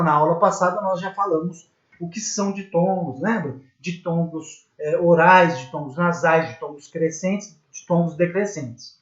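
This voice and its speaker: A man with a Brazilian Portuguese accent teaching a recorded grammar lesson, patiently repeating and spelling out examples and checking in with his students. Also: high voice. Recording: echoey room, dull lo-fi sound.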